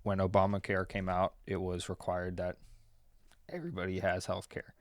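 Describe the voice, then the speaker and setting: A man's voice: low voice, completely flat delivery, moderate pace, no echo, studio quality. A man in his twenties, a tax preparer co-hosting a podcast, talking casually with lots of ums and you-knows. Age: 20s. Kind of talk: casual chat.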